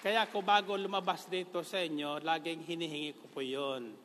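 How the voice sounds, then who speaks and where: A man's voice: on the high side, fairly even intonation, a little fast, fairly bright tone, long reverb tail, a little hiss or hum. A Filipino-accented man preaching a sermon in a jokey way, laughing often and slipping English phrases in.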